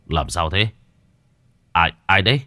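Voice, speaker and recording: A man's voice: deep voice, expressive, normal speed, bright, forceful tone, no room sound, clean studio sound. A man voicing a stern, proud old former village chief speaking in a commanding tone.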